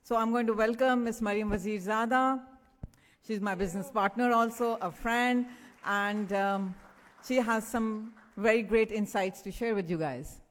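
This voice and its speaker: A woman's voice: on the high side, normal speed. A woman hosting an event and introducing a speaker from the stage. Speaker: event host. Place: large indoor event hall. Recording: reverberant event hall.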